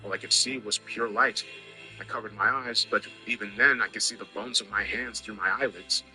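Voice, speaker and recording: Low, forceful male story narrator. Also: steady tone, moderate pace, soft background music, low-quality recording. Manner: wry, conversational. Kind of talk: first-person scripted story narration.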